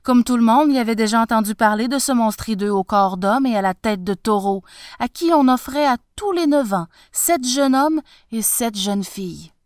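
A woman narrating a myth as a storybook reading, measured and expressive. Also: fairly high pitch, smooth, dry recording, clean studio sound.

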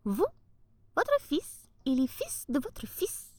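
A woman's voice: high voice, huge pitch swings, takes it slowly, a little mellow, no echo, pitched above the performer's own voice, heavily acted. A woman voicing a polite, formal talking male cat in a storybook. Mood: courtly. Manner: formal, gracious.

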